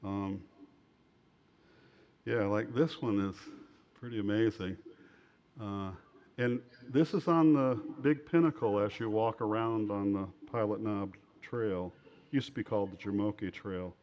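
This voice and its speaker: A man giving an informal slide lecture as an author, speaking in a halting, rambling way over a muffled recording. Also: on the low side, a little hiss or hum.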